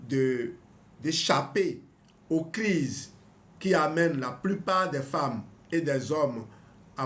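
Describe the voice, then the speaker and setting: Here a man in his fifties who hosts a health channel is reading from a health book and adding his own remarks. His fairly high voice comes with a faint hiss or hum, and his delivery is hesitant, full of restarts and little laughs.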